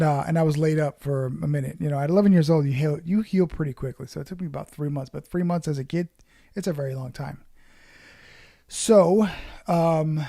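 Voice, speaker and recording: A man's voice: on the high side, gravelly, dark tone, no room sound, studio quality. A man from Puerto Rico, born in New York, hosting a casual guitar livestream, greeting viewers by name in a loose, chatty way and swearing now and then. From born in New York, raised in Puerto Rico. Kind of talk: casual livestream chat reading comments.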